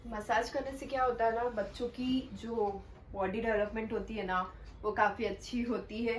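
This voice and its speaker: Addressing her viewers straight to camera, a young vlogger chats casually at home in a voice on the high side, with fairly even intonation and moderate pace. Her voice is somewhat distant from the mic, the room echoes, and there is a faint background hum.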